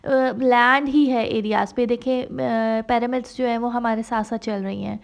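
Her voice sits a little high and sounds creaky, with fairly even intonation and a normal speed. This woman, a travel vlogger, chats casually about her trip, mixing English phrases into her Hindi-Urdu and leaning on lots of fillers.

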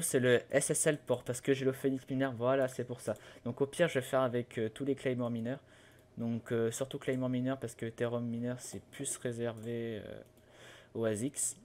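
A young man talks a viewer through steps on his computer in a casual, halting way. He stumbles, restarts and fills pauses as he goes, at an ordinary pitch for a man. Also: a little mellow, slight background noise. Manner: hesitant, many fillers and restarts, loses his words. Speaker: tutorial host. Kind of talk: casual screen-recorded tutorial.

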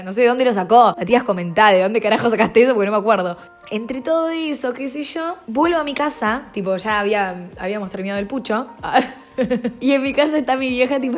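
Fast-talking Argentine young woman. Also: medium pitch, soft background music. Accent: Rioplatense Spanish. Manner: animated, slangy, laughing often. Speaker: vlogger. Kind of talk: casual storytime.

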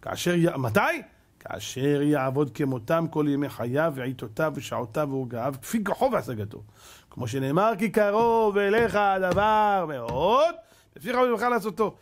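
A rabbi preaching a sermon, swinging between loud, rousing exhortation and quiet, hushed asides. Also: male voice, fairly high pitch, expressive.

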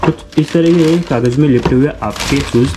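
A young man with a medium-pitched voice unboxes a product for his channel from a small room, speaking at a moderate pace. He addresses viewers as friends and explains things repetitively, while music plays behind him on a low-quality recording.

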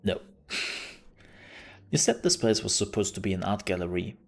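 A woman's voice: a bass voice, lively intonation, creaky. A woman streaming a game, commenting in a joking, sarcastic way. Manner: sarcastic, joking, slow-spoken. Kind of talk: let's play commentary.

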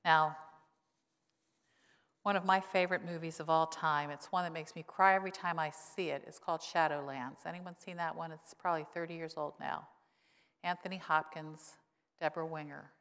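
With fairly even intonation and a moderate pace, a pastor in her sixties preaches a conversational sermon full of wry humor from a church pulpit microphone. Her tone is a bit bright, clear and resonant, and she says her voice has deepened since her illness. Long church-sanctuary reverb colors the recording.

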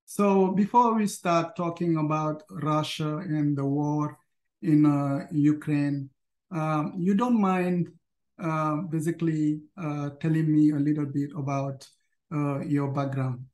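A man hosting an interview, asking questions in a halting way with frequent fillers. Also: fairly high pitch, fairly even intonation, darkish tone. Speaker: host. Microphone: video call. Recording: roomy echo on call.

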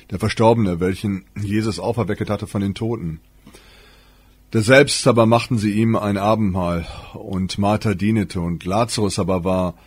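A man reading scripture aloud as an audiobook narrator, measured and solemn, with occasional slips and restarts. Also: lowish voice, husky. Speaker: audiobook reader.

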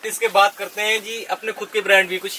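A man, a shop owner sitting in his cosmetics store and rattling off prices in a sales pitch. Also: flat delivery, brisk, bright, forceful tone, far from the mic, slight background noise. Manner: salesman listing prices, counting items off. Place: crowded cosmetics shop indoors, seated cross-legged on floor.

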